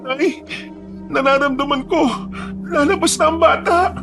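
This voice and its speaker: A man's voice: very high-pitched, fairly even intonation, measured pace, creaky, over music, voice pushed up, full character voice. A man voicing a frightened young pregnant wife in pain who cries and pleads, in a horror story. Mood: fearful. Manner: crying, pleading.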